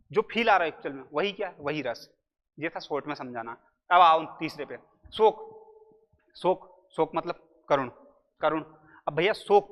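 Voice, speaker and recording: A man's voice: high voice, a bit bright. A man teaching grammar in a casual, joking lecture, talking to students like a big brother. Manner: chatty, jokey, addresses students as brother. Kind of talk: casual exam-prep lecture. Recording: muffled lo-fi audio in a reverberant room.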